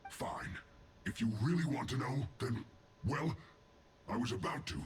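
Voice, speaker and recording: A man's voice: medium pitch, expressive, a little slow, roomy sound, slight background noise, natural voice. An actor voicing an aggrieved soldier in a game who insists he is innocent. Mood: defensive. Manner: defensive, protesting. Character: sullen male soldier, defensive and aggrieved.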